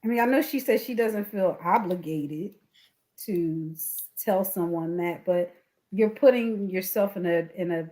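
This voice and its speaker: A woman co-hosting a casual radio chat, expressive and quick to laugh. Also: lowish voice. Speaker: co-host.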